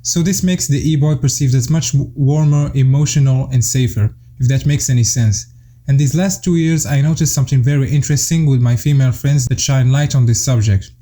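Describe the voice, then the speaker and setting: A man's voice: mid-range voice, a little fast, mellow. A young man from Morocco giving an earnest, explanatory voice-over commentary, laying out his points in order. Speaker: YouTube commentator.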